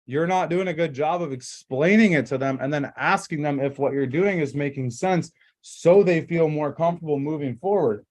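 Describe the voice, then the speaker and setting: A man with a fairly high voice coaching a sales team over a video call from home. He talks in emphatic, rambling bursts, full of fillers and restarts, in a casual and direct way. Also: moderate pace, hardly any pauses, darkish tone. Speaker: sales trainer.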